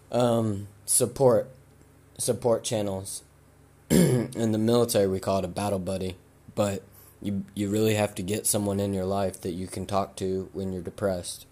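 A man hosting a podcast, giving blunt, casual advice and swearing freely, while he loses his voice and keeps clearing his throat. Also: fairly low pitch, flat delivery, a little slow, dark tone. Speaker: podcast host.

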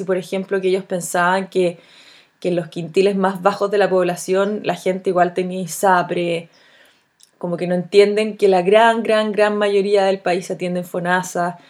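A Chilean woman of around forty hosting a solo podcast. She talks in a thoughtful, earnest way and pauses often on fillers. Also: medium pitch. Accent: Chilean Spanish. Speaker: podcast host. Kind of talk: solo reflective podcast monologue.

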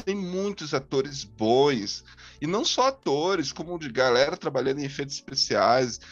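A Brazilian man hosts a casual film-review podcast, arguing his points with passion and street slang. His voice sits a little high and swings widely in pitch. The recording sounds dull and lo-fi. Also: lively intonation, normal speed, faint music behind. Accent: Brazilian Portuguese. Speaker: podcast host.

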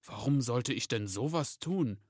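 A man as slow, measured Santa Claus. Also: mid-range voice, animated, no room sound, clean studio sound. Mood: serious. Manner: slow, measured, serious but gentle. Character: kindly old Santa Claus, slow and deliberate. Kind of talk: storybook reading with voices.

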